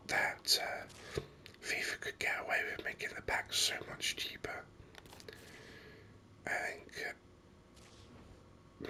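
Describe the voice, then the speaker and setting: The gaming video is hosted in hushed, leisurely ASMR whispers, with the speaker near the mic and thinking aloud about the game as it goes.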